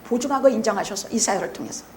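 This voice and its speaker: A woman with a fairly high voice preaches in a church sanctuary. Her delivery is blunt and colloquial, teasing the congregation. She drops to quiet asides, then bursts into loud shouted emphasis. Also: expressive, very fast, slight background noise. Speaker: pastor. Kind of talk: sermon.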